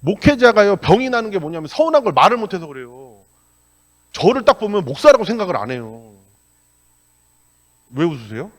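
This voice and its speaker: Middle-aged man, pastor, sermon, animated storytelling, blunt and colloquial, fairly high voice, lively swings in pitch. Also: a little fast, pauses often. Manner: animated storytelling with acted-out dialogue. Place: church sanctuary.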